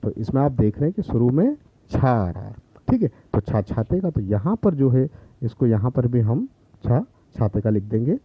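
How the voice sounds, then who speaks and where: A man teaching a Hindi lesson online to young children, patiently repeating each syllable, with many drawn-out filler pauses. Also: medium pitch, sing-song, slightly rough, no echo, phone-quality sound. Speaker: primary school teacher.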